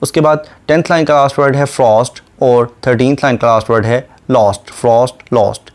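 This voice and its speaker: A male literature lecturer with a mid-range voice. He reads English verse slowly, line by line, and then explains terms in a brisk, methodical teaching manner. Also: medium pitch, fairly even intonation, darkish tone. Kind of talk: poetry lecture.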